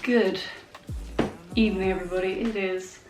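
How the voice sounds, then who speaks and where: Music plays in the background as a woman in her 20s with a blocked-up head cold chats to her camera at a normal speed. Her medium-pitched voice stays steady, though she rambles with fillers and small laughs, and the handheld compact camera picks her up far away and off-mic in a sparse, echoey room at home.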